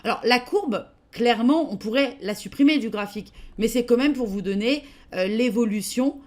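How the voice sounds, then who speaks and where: A woman with a French accent presenting a live trading-software webinar, casual and hesitant, with frequent fillers as she reads out and answers questions. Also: on the high side, moderate pace.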